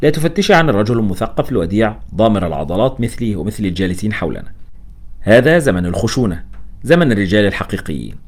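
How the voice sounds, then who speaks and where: A man voicing a restless, sarcastic young male doctor with a quick wit. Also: fairly low pitch, big pitch swings.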